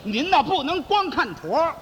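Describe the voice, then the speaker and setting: A male crosstalk comedian teases his partner with mock innocence. His voice is high and lively. The stage recording carries long reverb and faint noise. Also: normal speed. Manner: playful, feigns naive curiosity, exclaims.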